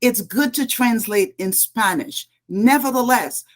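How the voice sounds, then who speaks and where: A middle-aged Haitian woman running for political office answers a panel interview earnestly and emphatically, laying out her points one by one. Her voice is on the high side and her pace measured.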